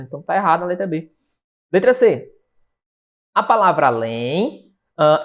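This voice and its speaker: A man with a Brazilian Portuguese accent teaching an online exam-prep grammar lesson, lively and chatty, often pausing to check in with his students. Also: high-pitched. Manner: lively, chatty, keeps asking rhetorical check-in questions.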